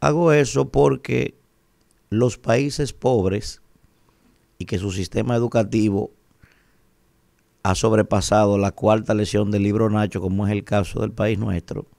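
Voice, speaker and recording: A man's voice: lowish voice, steady tone, measured pace, creaky, pauses often, a little mellow, dry recording. A man in his forties with a Dominican Spanish accent, giving emphatic, rhetorical opinion commentary on the radio and asking "¿verdad?" again and again. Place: radio studio, indoors. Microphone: studio mic on a boom arm.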